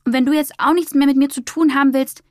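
Storybook: hopeful little male penguin, bright and pleading, put on by a woman, raised higher voice. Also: steady tone, quick pace, no room sound, studio quality, lightly acted. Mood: eager.

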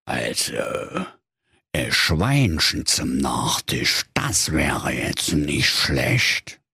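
A man voicing a sly, hungry big bad wolf in a storybook, low, slow and breathy. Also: sing-song, pushed and bright, no echo, clean studio sound, full character voice. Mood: scheming.

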